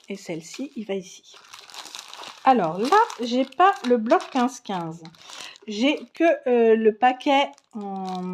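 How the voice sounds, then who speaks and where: Slow, chatty woman showing craft supplies. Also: mid-range voice, darkish tone, a little hiss or hum. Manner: chatty, frequent fillers and restarts, enthusiastic. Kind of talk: casual product show-and-tell.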